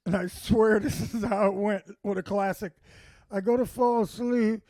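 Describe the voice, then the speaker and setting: In a dry recording, a man with a high-pitched voice at normal speed shares comedy stories as a guest. He's animated and casual, performing other people's quotes as he tells them.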